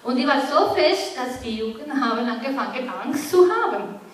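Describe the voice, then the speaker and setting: A woman preaching a sermon in a halting, earnest way, often searching for words and restarting, gently encouraging her listeners. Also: high voice, lively intonation. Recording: very echoey room, voice from far off, faint noise.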